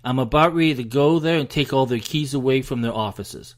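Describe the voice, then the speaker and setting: Speaking fairly quickly at a medium pitch, a U.S. man delivers solo political commentary. He's emphatic and frustrated, ranting until he sounds winded.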